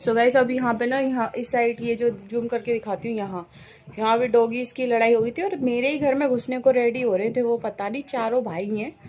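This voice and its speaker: A chatty young woman filming a casual home vlog on her phone, calling her viewers guys and cooing at her cats. Her voice sits somewhat high, with a faint hum of room noise behind it. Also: steady tone, a little fast, a little mellow. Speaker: vlogger. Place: home and street outside after rain.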